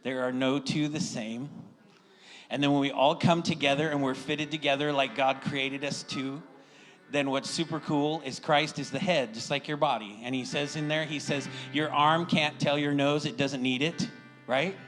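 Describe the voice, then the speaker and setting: Steady in tone and on the high side, this middle-aged American man speaks at a moderate pace with a fairly bright sound, welcoming his congregation as their pastor. Folksy and encouraging, he gives an informal sermon and announcements while checking in with them often, over faint music on poor-quality audio.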